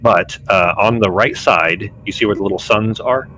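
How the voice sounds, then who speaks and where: Deep male game master, bright forceful voice, casually explaining rules, faint background noise. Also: normal speed, poor audio.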